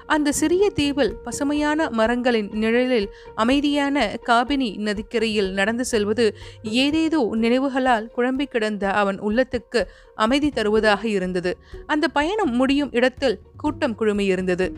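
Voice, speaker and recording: A woman narrating a detective story in a steady, descriptive reading. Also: fairly high pitch, measured pace.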